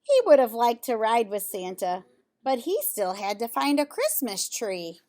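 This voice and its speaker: Reading a children's picture book at a very slow pace, this woman has a fairly high, mellow voice with big pitch swings. She often pauses the story to remark on the pictures and pose casual questions to the young audience.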